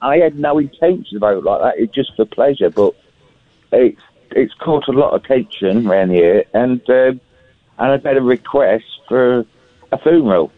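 A man tells a jokey story down the phone, his pitch swinging up and down a lot. The line is dry and tinny, with a narrow phone sound. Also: expressive, normal speed, dry recording. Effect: heard over a phone line. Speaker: caller. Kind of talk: casual phone-in chat.

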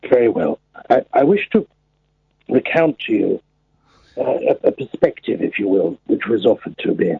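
A stuffy, long-winded gentleman past eighty-five rambles with stiff formality, tripping over his words, as a man on a call puts him on. The voice is gravelly and husky. It comes through a thin, tinny phone line. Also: medium pitch, sing-song, normal speed, no echo, exaggerated voice. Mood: pompous. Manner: formal, roundabout, stammering. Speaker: caller.

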